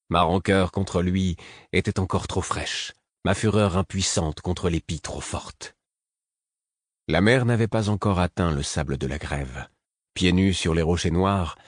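A man reading a first-person audiobook in a measured, steady storytelling manner. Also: low voice, no room sound, clean studio sound. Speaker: audiobook narrator.

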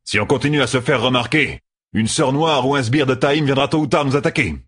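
A man's voice: mid-range voice, fairly quick, fairly bright tone, breathy edge, no room sound, clean studio sound, voice pushed up. A man reading an audiobook, voicing a confident male battle channeler who jokes and gives orders. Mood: commanding. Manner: joking, commanding. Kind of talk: audiobook narration.

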